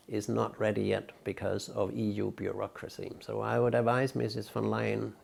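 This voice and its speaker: A man's voice: fairly low pitch, creaky, a little mellow, breathy edge. An older man from Denmark, giving outspoken, emphatic interview answers as a guest. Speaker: interview guest, peace researcher.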